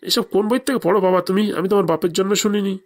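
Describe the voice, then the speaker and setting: Racing along at a natural medium pitch, this cartoon headmaster is played as an exasperated, sarcastic man. The performer makes him a scolding interrogator in a comedy setting.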